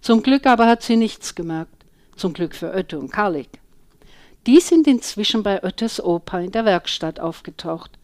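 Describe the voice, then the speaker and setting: A woman reading a children's story aloud with slow, expressive storytelling. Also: medium pitch. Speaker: audiobook reader.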